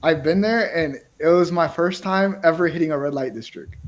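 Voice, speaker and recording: A man's voice: a little high, moderate pace. A man from the United States, hosting a casual interview chat, talking in a laid-back, slangy way full of "bro" and "like". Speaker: podcast host and music producer.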